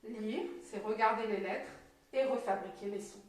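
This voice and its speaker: A French woman teacher, slowly and clearly sounding out syllables for young children. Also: medium pitch, a little mellow, distant mic. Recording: very echoey room, voice from off mic.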